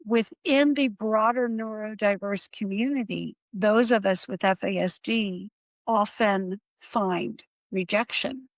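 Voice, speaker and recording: A woman's voice: mid-range voice, slow, no echo, highs cut off. A woman hosting an interview podcast, explaining in an earnest way and often restarting her words. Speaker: podcast host. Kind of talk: conversational interview.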